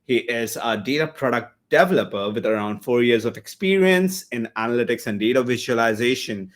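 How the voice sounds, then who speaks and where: A man's voice: medium pitch, expressive, a little fast. A man hosting an online meetup on a video call, introducing the next speaker in a chatty, joking way with fillers.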